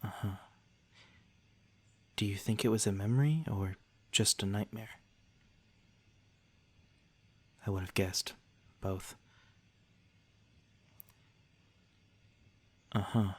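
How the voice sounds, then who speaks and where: In an ASMR-style roleplay, a man voices a courteous vampire lord who speaks softly and fairly low, directly to the listener, in genteel, slightly old-fashioned words. Gentle, attentive and protective, he sounds calm and reassuring, with even intonation, a moderate pace and a breathy edge.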